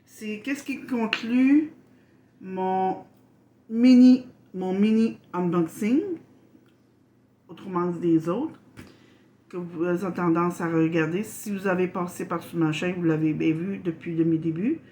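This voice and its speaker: Halting québécois woman, slow and low. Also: fairly even intonation, mellow. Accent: Québécois French. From Quebec. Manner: halting, full of fillers and restarts, apologetic. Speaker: channel host. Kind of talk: casual unboxing vlog.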